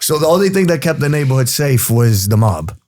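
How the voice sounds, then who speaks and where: A man's voice: medium pitch, fairly quick. A man in his forties with a New York accent, telling stories from his past in a casual, streetwise interview manner. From New York City. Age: 40s. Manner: streetwise, animated, says "bro" and "you know". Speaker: guest.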